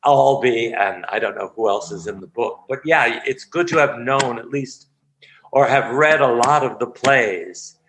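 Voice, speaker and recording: An older man, an acting coach, tells stories in a lively way during an interview, slipping into the voices of the people he remembers. His voice sits at a middle pitch for a man. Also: measured pace, a little hiss or hum, rough recording. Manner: animated storyteller who acts out the people he describes. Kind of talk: storytelling interview.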